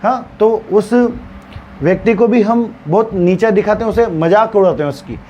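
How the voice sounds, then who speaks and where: A man's voice: high voice, normal speed, darkish tone, muffled recording, slight background noise. A male teacher retelling a story for students, acting out the characters' stammering and dialogue as he explains.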